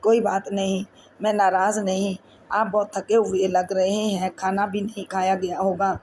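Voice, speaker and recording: A woman reading the lines of a gentle, caring young bride in an audiobook novel, softly. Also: medium pitch, flat delivery, slight background noise, close to an everyday voice.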